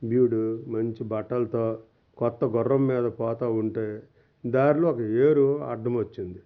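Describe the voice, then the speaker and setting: A man's voice: mid-range voice, steady tone, unhurried. Man telling a folk tale, tinny sound. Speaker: storyteller. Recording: narrow phone-like audio.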